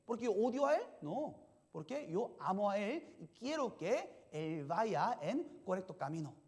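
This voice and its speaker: A pastor preaching a sermon in simple, halting sentences. The pastor keeps asking the congregation questions and checking in with "yes?". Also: medium pitch, very animated, a little mellow. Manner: simple, halting phrasing with restarts.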